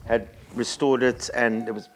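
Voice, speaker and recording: A man's voice: mid-range voice, level tone, normal speed. A man, a podcast guest telling long, rambling stories with many ums and restarts. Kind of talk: casual storytelling chat.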